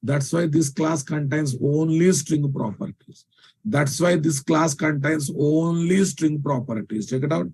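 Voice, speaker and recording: A programming teacher with a Telugu Indian accent gives a live lecture at a measured pace. His voice is a little high for a man, very soft and mellow, and slightly rough. He repeats key phrases for emphasis and often stops to ask whether learners are following.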